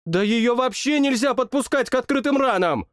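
Indignant young woman from another world, put on by a male narrator; sharp, high, rapid-fire. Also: animated, clear, resonant tone, dry recording, studio quality.

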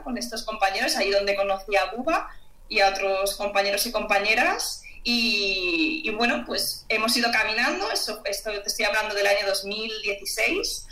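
Bright-voiced woman in an echoey room. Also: mid-range voice, slight background noise. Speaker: social integrator, co-founder. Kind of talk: explaining in a radio conversation.

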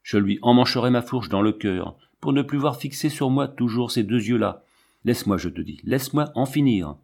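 A man's voice: mid-range voice, expressive, moderate pace, vocal fry, darkish tone, husky. A man reading the part of a haunted lion tamer who talks with hissing, obsessive insistence. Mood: haunted, agitated. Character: haunted, half-mad male lion tamer, feverish.

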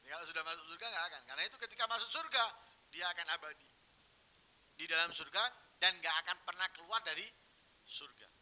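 A man preaching a sermon, telling stories and swinging from hushed, quiet phrases to loud, emphatic ones. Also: a little high, fast talker, pauses often, poor audio.

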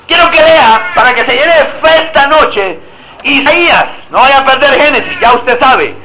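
A man's voice: very high-pitched, lively intonation, normal speed, bright, forceful tone, a little hiss or hum. A man preaching a sermon, calling out emphatic exhortations and leading the congregation in reading aloud together. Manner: leads the congregation in call-and-response and group reading. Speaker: pastor. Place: church service before a congregation. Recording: echoey church room.

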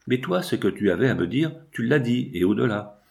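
A man's voice: medium pitch, expressive, fairly quick, vocal fry, a little mellow. A man voicing an earnest young woman, wounded and reproachful, in a read-aloud novel. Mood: bitter.

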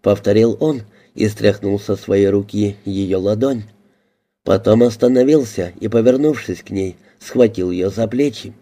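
A male audiobook narrator reads in a measured, even manner. His voice is low and dark, mellow in tone.

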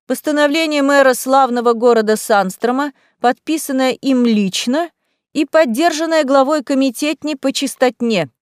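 A woman voicing a spiteful, shrieking middle-aged mother in a storybook reading, high and sharp. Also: no room sound, clean studio sound, natural voice. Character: spiteful shrill middle-aged mother, town official's wife.

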